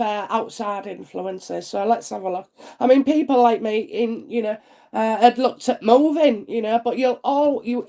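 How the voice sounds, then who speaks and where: A woman with a head cold and stuffy nose chats on a live stream as a psychic reader, answering viewer comments in a homely, chatty manner. Her voice is fairly high and warm with vocal fry, and she uses lots of "uh" fillers and asks "isn't it?"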